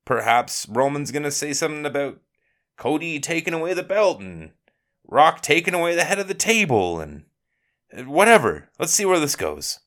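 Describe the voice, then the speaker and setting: Male podcast co-host, angry ranter, voice swings widely in pitch. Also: very animated, normal speed, fairly bright tone. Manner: heated ranting with swearing. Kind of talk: casual chat.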